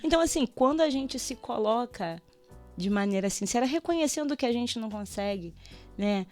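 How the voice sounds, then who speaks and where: Radio guest, female, higher register; lively testimonial storyteller who acts out dialogue, light music bed. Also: normal speed. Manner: animated storytelling, acts out prayers and dialogue, laughs often. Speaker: radio show guest, teacher. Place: radio studio.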